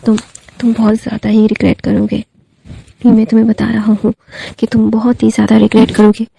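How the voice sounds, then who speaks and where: A woman voicing a bitter, vengeful schemer who speaks threats in a low voice, in a storytelling retelling. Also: monotone, brisk, gravelly, mellow, husky, full character voice. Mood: threatening.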